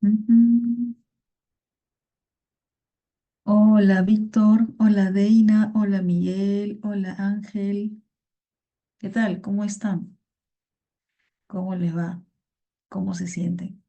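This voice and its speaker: A woman's voice: mid-range voice, little pitch movement, takes it slowly, pauses often, dull audio. A woman teaching a vocabulary class over a video call, patient and repeating words. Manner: patient, repeats words and greets students by name.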